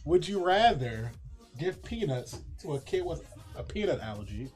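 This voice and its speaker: A man's voice: on the high side, sing-song, moderate pace, darkish tone, faint music behind. A man co-hosting a casual group podcast, tossing out would-you-rather questions and laughing often. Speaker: podcast co-host.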